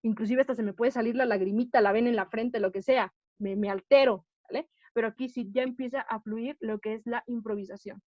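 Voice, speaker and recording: A woman's voice: a little high, steady tone, brisk, hardly any pauses, darkish tone, no echo. A woman teaching an acting class, explaining patiently and often checking that the students follow. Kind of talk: online class lecture. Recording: dull, dry lo-fi audio.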